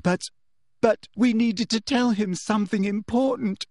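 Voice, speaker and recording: An earnest storybook schoolgirl, performed by a man, pleads in a high voice. She sounds anxious and fretful, halting between phrases, with very animated pitch. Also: slightly rough, no echo, studio quality, heavily acted. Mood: wailing.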